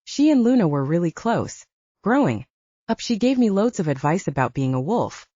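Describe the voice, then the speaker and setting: A woman audiobook reader voices a young female werewolf soldier who is candid, wry and self-mocking, delivering her dialogue in a chatty way at normal speed. Her pitch swings widely and her tone is mellow. The recording is dry, with no room sound, and slightly muffled, dull and lo-fi.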